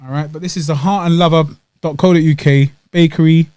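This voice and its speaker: Higher-voiced London man, slangy and playful. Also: fairly even intonation, brisk, darkish tone, a little hiss or hum. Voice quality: weakly pronounced R sounds. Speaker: podcast co-host. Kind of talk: casual banter and food review. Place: podcast studio.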